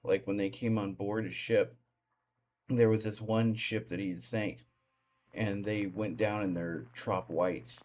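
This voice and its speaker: A man's voice: lowish voice, fairly even intonation, unhurried, a little mellow, a little hiss or hum. A man hosting a stream, chatting casually with hesitant fillers. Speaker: streamer and host. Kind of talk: casual chat.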